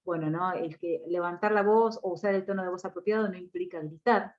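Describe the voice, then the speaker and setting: A woman's voice: on the low side, steady tone, fairly quick. Woman lecturing, dull lo-fi sound. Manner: explanatory, frequent tag questions and hesitation fillers. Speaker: course instructor. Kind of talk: recorded online course lecture. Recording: dull lo-fi audio.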